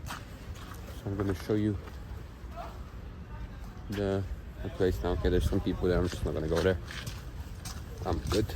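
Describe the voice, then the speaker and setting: A young Polish man speaking English as a second language, with a Polish accent, rambles and corrects himself through a casual walking-tour vlog filmed on his phone in an outdoor town square. His voice is deep and steady, unhurried with frequent pauses, and street noise surrounds him.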